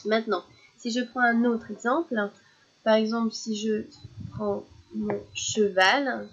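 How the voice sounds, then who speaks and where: A woman teaching young children syllables in a slow, patient lesson, repeating each word clearly. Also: fairly high pitch, a little mellow, muffled recording.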